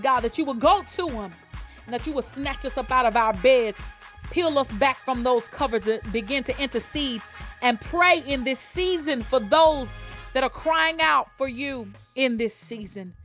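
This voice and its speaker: Brief: high-pitched woman gospel radio host, fervent praying, preacher-style repetition, faint music underneath. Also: a bit bright. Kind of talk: fervent live radio prayer and exhortation.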